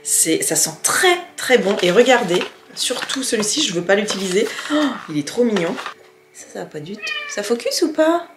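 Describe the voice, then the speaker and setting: A woman's voice: medium pitch, big pitch swings, moderate pace, roomy sound, over music. A woman vlogger chatting casually to camera as she shows off her gifts, gushing and full of fillers and restarts. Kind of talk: casual haul chat to camera.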